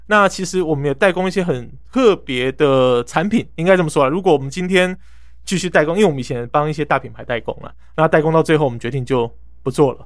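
Man, Taiwanese accent, podcast guest, casual interview talk, slightly high pitch, very dry sound. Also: fast, no echo. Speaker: podcast guest, product manager.

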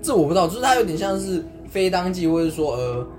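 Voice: mid-range voice, big pitch swings, fast, music in the background. A podcast co-host with a Taiwanese Mandarin accent in casual chat, thoughtful and laughing now and then.

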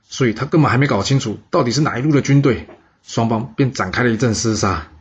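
A man telling a historical story with lively, dramatic narration, in a husky voice on a dull recording. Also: medium pitch, fast.

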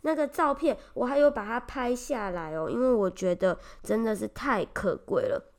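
A young woman kindergarten teacher with a Taiwanese Mandarin accent tells a casual, animated story, full of exclamations. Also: on the high side, moderate pace. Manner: animated, exclamatory, often voices children's lines.

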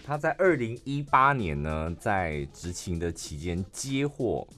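Man, Taiwanese Mandarin accent, podcast co-host, casual news retelling, deep voice, faint music behind. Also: measured pace. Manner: chatty, frequent filler particles, animated retelling.

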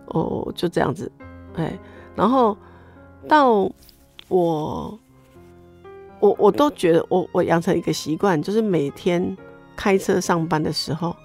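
A middle-aged woman with a Taiwanese Mandarin accent gives her personal faith testimony as an interview guest, telling it animatedly with lots of exclamations. Her voice sits on the low side, unhurried and with frequent pauses, over faint music.

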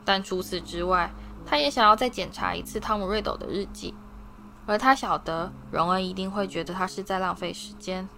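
A woman narrating a fantasy novel as an audiobook reader, in a steady, expressive reading voice. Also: mid-range voice, a little fast, vocal fry, slight background noise. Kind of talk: storybook narration.

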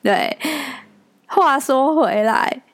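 On her solo podcast, a young woman with a Taiwanese Mandarin accent speaks extremely slowly in a high voice, recorded dry with studio quality. She's chatty and tells animated stories, laughing frequently.

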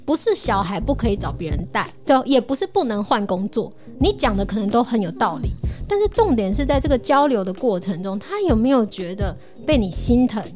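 A woman co-hosting a casual relationship podcast, talking in an animated way and acting out little quoted scenes. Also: fairly high pitch, a little fast, soft background music.

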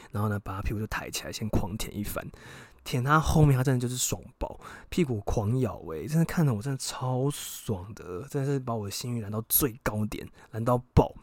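A young man, hosting a podcast and telling a personal story casually, frank and excitable, swearing freely. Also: mid-range voice, no echo. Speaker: podcast host.

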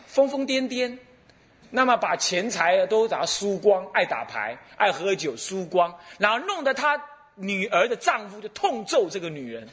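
Middle-aged taiwanese monk telling stories in a sermon, high voice swinging all over, laughs a lot. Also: male voice. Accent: Taiwanese Mandarin. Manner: animated storyteller who laughs and acts out dialogue. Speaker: Buddhist abbot. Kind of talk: dharma talk with storytelling.

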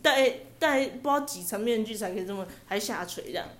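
A young woman telling a story on a podcast, lively and laughing often, on a headset mic. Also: fairly high pitch, a little fast. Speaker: podcast co-host. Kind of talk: casual chat, storytelling. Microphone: headset microphone.

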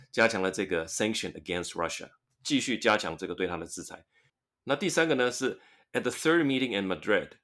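A man's voice: fairly low pitch, a bit bright. A man hosting a podcast lesson, reading English news passages aloud and explaining them in with frequent tag particles. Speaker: podcast host teaching English through news articles.

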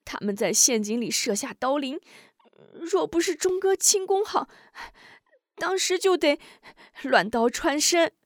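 A woman voicing a wounded young fighter in a martial-arts audiobook, in a high, strained, tearful voice. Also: animated, measured pace, pauses often, no room sound, clean studio sound. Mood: angry.

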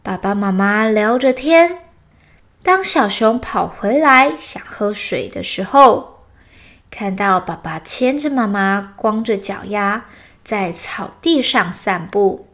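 Slow gentle woman storyteller for children. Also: medium pitch, lively intonation. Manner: slow, gentle, clear reading. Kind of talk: children's bedtime story narration.

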